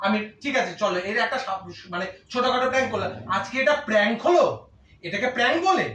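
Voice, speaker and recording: A man's voice: extremely high pitch, animated, fast, pushed and bright, reverberant, recorded from a distance, a little hiss or hum. A man with a Bengali accent, a husband arguing indignantly with his wife, scolding her and repeating himself. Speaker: husband in a prank video. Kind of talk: heated domestic argument.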